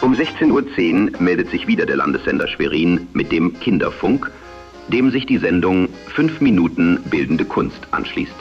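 A man announcing a programme formally and with measured delivery in 1940s AM radio style, with an old radio sound. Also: low voice, big pitch swings. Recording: dull band-limited old radio sound. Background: music.

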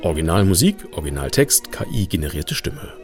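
A man's voice: low voice, sing-song, brisk, music in the background. A man reading scripted documentary narration as the narrator of a radio feature.

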